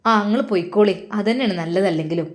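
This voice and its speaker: A woman's voice: medium pitch, quick pace, lightly acted. Storybook mother with a Malappuram accent, harsh and dismissive, as a woman narrator puts her on. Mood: scolding. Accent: Malappuram Malayalam. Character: stern scolding middle-aged mother.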